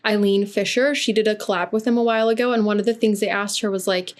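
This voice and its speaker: A woman's voice: mid-range voice, fairly even intonation, quick pace. A woman hosting a podcast interview, talking conversationally with frequent fillers. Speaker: podcast host. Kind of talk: casual interview chat.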